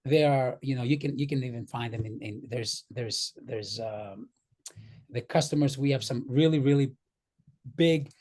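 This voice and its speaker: A vendor of Greek origin, born in New York, presents his company's products earnestly on a video call in a casual business presentation. His voice is medium-pitched and darkish, at a moderate pace, with a slight Greek accent, and he often repeats words as he goes.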